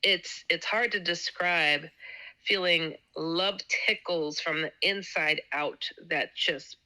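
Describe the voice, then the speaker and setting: A woman's voice: on the low side, slow, bright, forceful tone, rough recording. A woman guest telling a personal story in a casual interview, stammering and repeating words as she acts out quotes. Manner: laughs often between sentences. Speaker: guest author.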